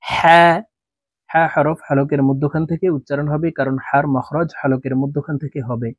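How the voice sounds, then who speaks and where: A man teaching Arabic letters for Quran reading, explaining each sound and then chanting the letter names long and slow for students to repeat. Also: a little high, fairly even intonation, a little mellow, breathy edge, no room sound. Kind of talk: recitation lesson.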